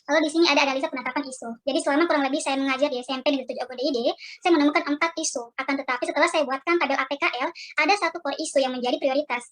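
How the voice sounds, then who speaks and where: A woman's high voice, altered by a voice changer, races through a formal presentation. She explains like a teacher, signposting each section as she goes over a video call. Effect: voice changer, digitally disguised voice. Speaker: teacher presenting a project proposal.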